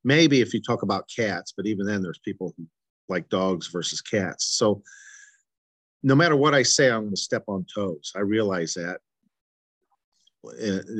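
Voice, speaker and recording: A man hosting his podcast, speaking earnestly and haltingly, with frequent restarts and stutters. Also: sits low, husky, no room sound. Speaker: podcast host. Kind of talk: conversational interview.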